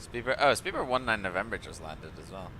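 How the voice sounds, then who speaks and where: A man's voice: fairly low pitch, lively intonation, brisk, pushed and bright. A man streaming a flight simulator, chatting and joking with exasperation about ground crews and air traffic. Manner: chatty, exasperated, laughs often at the ground crew. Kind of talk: live-stream commentary.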